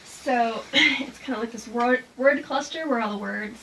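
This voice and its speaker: A woman poet giving an informal reading and talk about haiku, slow and deliberate when she recites verse. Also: a little high, fairly bright tone, distant mic. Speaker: haiku poet presenting her work. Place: live reading before a small audience. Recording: noisy room with clear background noise.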